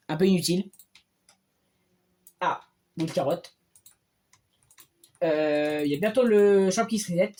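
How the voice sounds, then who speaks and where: A man giving casual gameplay commentary as a streamer, excitable and often bursting into loud cheers. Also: high-pitched, slow, pauses often. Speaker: game streamer.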